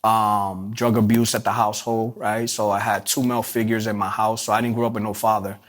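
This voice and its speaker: A man's voice: fairly low pitch, level tone. A man from Puerto Rico, telling his life story in an interview with many fillers and restarts. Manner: halting, many restarts and fillers, streetwise phrasing. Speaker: interview guest.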